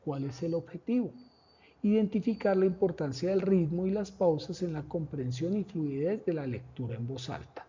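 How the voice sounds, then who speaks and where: Male teacher, slightly high pitch, measured explanatory delivery, lo-fi recording. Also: expressive, dark tone, a little hiss or hum. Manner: measured, explanatory, with pauses and fillers. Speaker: teacher presenting a lesson plan. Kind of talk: slide presentation. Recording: dull lo-fi recording.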